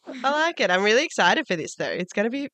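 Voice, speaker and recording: A woman's voice: fairly high pitch, big pitch swings, fast talker, a bit bright, no room sound. A woman co-hosting a casual podcast, her voice nasal from being sick, talking dramatically with giggles. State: nasal from a cold. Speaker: podcast co-host. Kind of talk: casual chat. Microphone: studio podcast mic.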